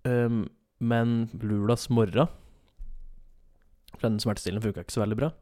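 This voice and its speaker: A man's voice: fairly low pitch, fairly even intonation, warm tone. A young man telling a long story in casual chat, rambling with many fillers and self-corrections.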